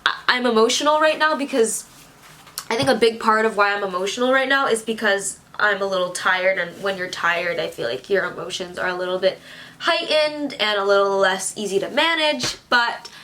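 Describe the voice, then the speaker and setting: A woman's voice: mid-range voice, normal speed, sharp tone. A woman of twenty-one, holding back tears as she rambles to her camera in a casual vlog. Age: 20s. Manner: tearful, rambling and self-reassuring. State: teary, on the verge of crying. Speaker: vlogger.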